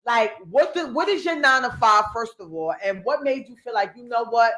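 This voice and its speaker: Woman in her forties, podcast host, high-pitched, slangy, laughs easily. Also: fairly quick, poor audio. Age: 40s. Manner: loud, laughing, slangy and animated. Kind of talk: casual interview chat.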